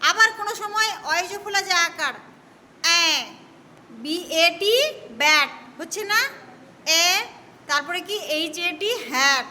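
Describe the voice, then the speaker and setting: Woman teacher, very high voice, bright, explaining step by step, echoey classroom. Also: moderate pace. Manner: instructive, scolding a pupil at the start. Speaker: English teacher. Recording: roomy hall echo, faint noise.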